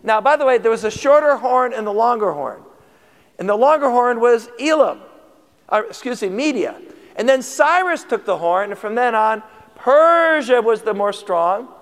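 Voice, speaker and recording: Preaching a sermon in an animated, conversational way, a man with a fairly high voice puts questions to the congregation at a moderate pace. His throat sounds tired from singing, and a long church-hall reverb trails his words.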